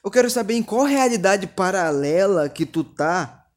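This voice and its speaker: A young man hosting his own podcast, telling an angry story in an indignant, swearing rant that climbs toward shouting. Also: high voice, lively intonation, moderate pace. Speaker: podcast host. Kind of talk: angry ranting monologue.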